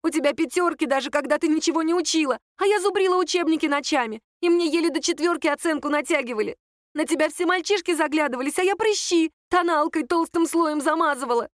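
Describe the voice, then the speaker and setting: A woman reading a story voices Nadya, a tearful, envious young woman with a squeaky, shrieking voice. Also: quick pace, no room sound, studio quality, natural voice.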